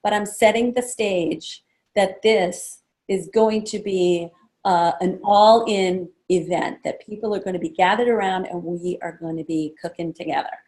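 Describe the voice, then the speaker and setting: A woman running a sales training session, casual and chatty, acting out guest conversations in a livelier voice. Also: measured pace. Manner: acts out guest chats in a lively higher voice; casual, chatty, many fillers. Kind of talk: training talk to a small group.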